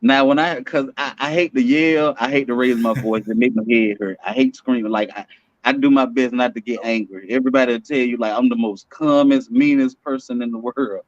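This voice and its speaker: A man chatting casually on a podcast panel, telling stories with animated delivery and acting out his own lines. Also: mid-range voice, a little fast, no echo, muffled recording. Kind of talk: casual chat.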